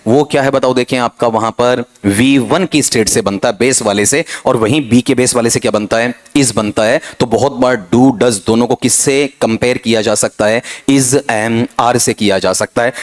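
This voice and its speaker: A middle-aged man with a medium-pitched voice teaches an exam-prep English grammar lesson. He keeps firing rhetorical questions at his students and reads example sentences slowly and deliberately.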